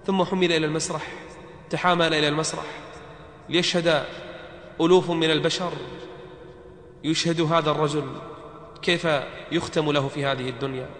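Male preacher, high-pitched, dramatic sermon delivery, recorded in a booming echoey hall. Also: a bit bright. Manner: dramatic, chanting verses in melodic recitation. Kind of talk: sermon on death.

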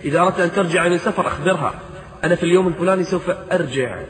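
A man's voice: sits high, rapid-fire, a bit bright. A man preaching a sermon, fervent and pleading, asking rhetorical questions and chanting verses in a sung tone. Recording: echoey hall.

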